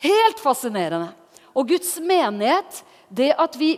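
A woman giving a lively, conversational Bible teaching, often putting questions to her listeners. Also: high-pitched, long reverb tail.

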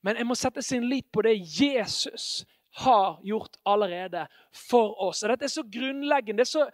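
A man's voice: high-pitched, dry recording. A man preaching a sermon in a fervent, emphatic way, with exclamations of praise. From Norway.

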